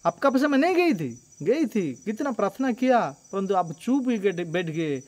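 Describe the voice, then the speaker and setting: A man's voice: high voice, lively intonation, normal speed, pitched below the performer's own voice. Draupadi, a man voicing an indignant wronged queen. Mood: accusing. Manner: accusing, rhetorical questions, emphatic repetition. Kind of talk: devotional storytelling.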